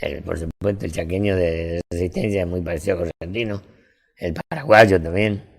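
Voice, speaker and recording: An older man with an Argentine accent, telling folksy anecdotes in a relaxed interview chat. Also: deep voice, brisk, vocal fry. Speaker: storyteller.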